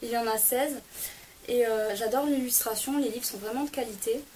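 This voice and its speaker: A young woman talks through a casual book haul on camera, her voice sitting a little high. She chats on with frequent hesitations and quick self-corrections. A faint hiss runs under the recording. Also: a little mellow, poor audio. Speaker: book vlogger.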